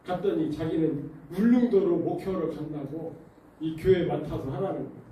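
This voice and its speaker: At a moderate pace and with a slightly high voice, a pastor delivers his sermon in the church sanctuary. Animated stories alternate with rhetorical questions aimed at the congregation. The hall is very echoey, his voice is off-mic and distant, and there is slight background noise.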